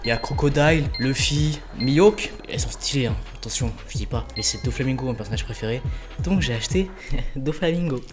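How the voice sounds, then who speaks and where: A man's voice: medium pitch, a little fast, over music. A man from France chatting casually and jokingly through a figurine unboxing at home, swearing now and then. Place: home, with a cat nearby.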